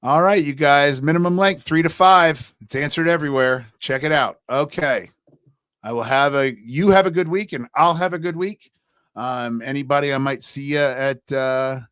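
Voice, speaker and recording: A man's voice: mid-range voice, a bit bright, clean tone, no echo. Chatty male instructor, dry close sound. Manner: chatty, loose, many fillers and restarts. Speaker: college instructor. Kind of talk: casual livestream class talk.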